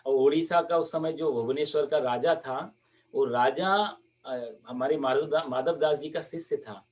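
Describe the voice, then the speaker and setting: Male katha preacher, lively narrator, slightly high voice. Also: unhurried, recorded from a distance. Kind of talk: devotional story sermon.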